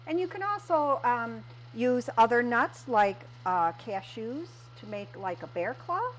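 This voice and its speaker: A middle-aged woman who owns a candy shop walks through a recipe step by step in a small kitchen, using lots of fillers. Her voice is on the high side and sing-song, unhurried, in a low-quality recording of this cooking demonstration.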